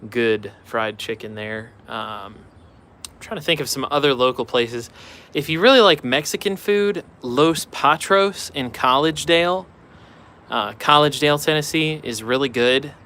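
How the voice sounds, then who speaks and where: A man's voice: medium pitch, bright, forceful tone, slight background noise. A man hosting a casual live stream outdoors beside railroad tracks, chatting offhand and answering viewer questions.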